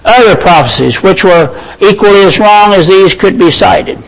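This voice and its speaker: Male preacher with a high voice, measured sermon delivery, reads scripture aloud and calls his listeners brethren and friends. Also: animated, gravelly, poor audio.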